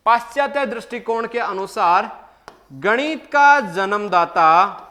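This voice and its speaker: Slow, high-voiced male maths teacher. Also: lively intonation, bright, forceful tone. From Rajasthan, India. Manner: asks the class questions and answers them himself, repeating key points; calls listeners "bhai". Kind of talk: exam-prep lecture.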